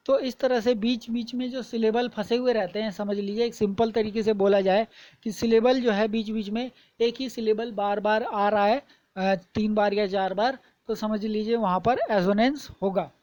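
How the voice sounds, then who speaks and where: A woman teaching a lesson, explaining terms patiently, repeating points and reading examples slowly and deliberately. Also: fairly high pitch, steady tone, darkish tone, low-quality recording.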